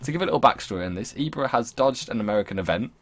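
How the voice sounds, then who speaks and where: A man's voice: mid-range voice, animated, very fast. A young man hosting a podcast with casual, sweary, teasing banter over a voice call. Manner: sweary, mocking. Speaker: podcast host.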